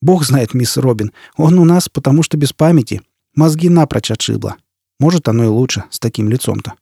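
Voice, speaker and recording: A man playing a small, blunt male sergeant who speaks in a gruff, coarse, matter-of-fact way. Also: medium pitch, lively intonation, brisk, warm tone, no echo, studio quality.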